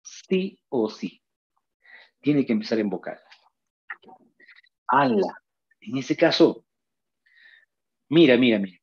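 A man's voice: medium pitch, animated, slow pace, long pauses, husky, lo-fi sound. A man teaching a pre-university grammar lesson. He speaks in a coaxing way, repeats his key points and calls the students "nene".

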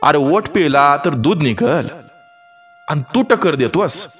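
A man's voice: a little high, expressive, slow, breathy edge, soft background music, heavily acted. Male reader voicing a brash, jeering village strongman in a told folk story; sneering, raised voice. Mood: mocking taunts. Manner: taunting, swaggering, loud. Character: boastful mocking male village wrestler, arrogant.

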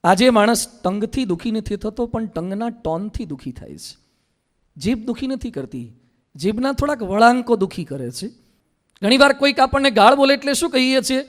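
Preaching with a high-pitched voice, a monk keeps his stories brisk and animated, slipping into imitations of common people to make each point. For scripture, he shifts to a measured, chant-like cadence.

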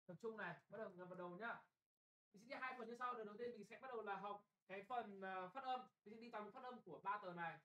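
Young man, classroom exam tutor; brisk, blunt, keeps checking if students follow. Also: high-pitched, bright, forceful tone, low-quality recording. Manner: brisk and bossy, often checking "got it?". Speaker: English tutor.

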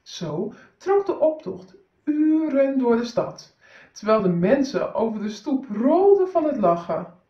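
Slow, lively woman reading a story. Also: fairly high pitch, echoey room, lo-fi sound. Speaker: teacher reading aloud. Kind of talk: children's story read-aloud.

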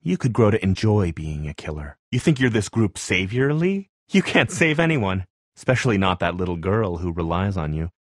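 In naturalistic voice acting for a zombie video game, a nerdy, mild-mannered survivor speaks in a fairly low voice, recorded close and dry. He's earnest and slightly hesitant, turns pedantic when explaining, and here sounds very animated and accusing at a moderate pace.

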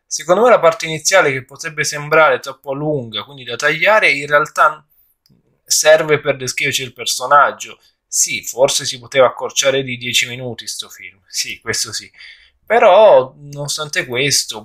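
A man's voice: mid-range voice, sharp tone. A man giving a casual, rambling film review, with frequent hesitations and restarts.

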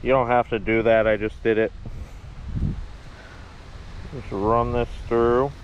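A man's voice: mid-range voice, level tone, slow, dull audio, noisy background. A young man chatting and joking to camera in a casual fishing vlog, filmed in a parked truck on a dashboard camera. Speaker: fishing vlogger.

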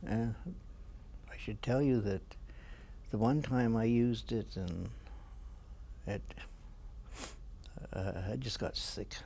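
An old Canadian veteran remembers his service in a dark, mellow voice of medium pitch. He speaks plainly and haltingly, as a man in his seventies looking back. There is faint noise in the room. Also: gravelly. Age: 70s. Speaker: war veteran being interviewed. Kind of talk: veteran's reminiscence in an interview. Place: small indoor room with flags. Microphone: lapel mic.

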